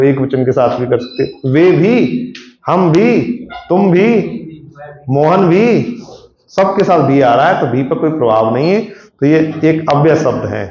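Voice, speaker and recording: A man's voice: medium pitch, a little mellow. A man teaching Hindi grammar to a class, explaining patiently and checking often with questions. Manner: explains patiently, asks students frequent questions. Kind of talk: classroom lecture. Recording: echoey classroom, dull lo-fi sound.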